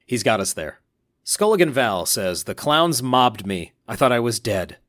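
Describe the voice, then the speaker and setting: A man co-hosting a casual podcast, reading listener messages aloud in an upbeat, animated way. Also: medium pitch, measured pace, no echo, clean studio sound. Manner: upbeat, reads quotes aloud with animated emphasis.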